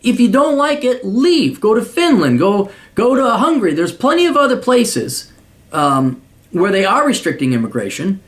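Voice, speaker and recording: With a high, sing-song voice at normal speed, an American man hosting a paid advice podcast lectures his listener. His manner is blunt, profane, and mocking.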